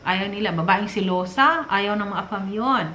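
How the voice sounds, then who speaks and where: A middle-aged Filipina gives casual relationship advice in a sharp-toned, medium-pitched voice at a moderate pace. She's chatty and a bit preachy, full of fillers and little laughs, and the lo-fi recording sounds roomy with faint noise.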